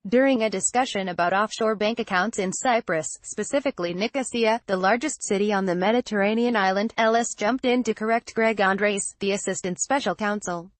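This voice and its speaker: A woman narrating a news roundup in a steady, scripted read-aloud delivery. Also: mid-range voice, fairly quick, few pauses, no room sound.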